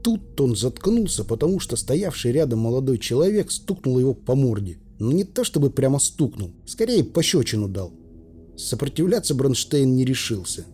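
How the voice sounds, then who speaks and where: A man's voice: medium pitch, big pitch swings, normal speed, warm tone. A man narrating an audiobook in the first person, weary and dryly ironic, voicing the characters as he goes.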